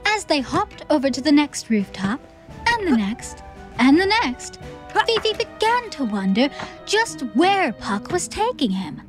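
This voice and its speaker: For a theatrical audiobook, a high-voiced woman narrates a scripted story in a measured yet expressive way.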